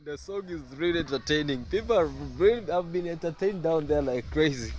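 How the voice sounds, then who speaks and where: In this casual vlog, a young man from Kenya talks from his rural home garden in a fairly high, lively voice that moves briskly and has a darkish tone. The audio is dull, distant music can be heard, and his speech is halting, full of fillers and false starts.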